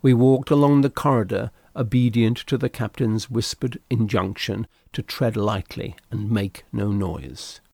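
A man reading a classic sea story aloud in measured, scripted narration. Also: lowish voice, vocal fry, darkish tone, no echo, studio quality. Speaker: audiobook narrator.

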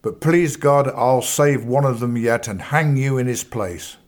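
A man reading an audiobook voices a fierce, blunt male Bow Street officer who speaks gruffly and forcefully in an old-fashioned way. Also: medium pitch, unhurried, lightly acted. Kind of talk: audiobook character voice.

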